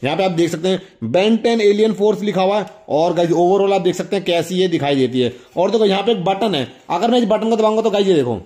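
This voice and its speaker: This young toy review host has a warm voice that sits high, moving a little fast with hardly any pauses. He casually chats with viewers during a hands-on unboxing, demonstrating items and often speaking to them directly.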